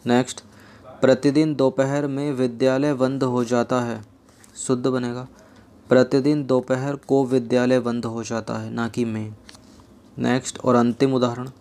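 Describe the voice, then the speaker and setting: A young man teaching an exam-prep grammar lesson, reading example sentences slowly and dropping in joking asides. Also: mid-range voice, a little mellow.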